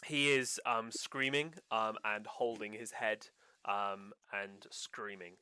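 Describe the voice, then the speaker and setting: A man running a tabletop game, describing the scene in halting stretches full of ums. His voice is smooth and resonant, sitting at a middle pitch. The sound is close and dry. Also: steady tone, pushed and bright, no echo. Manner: halting, many ums between phrases. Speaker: game master.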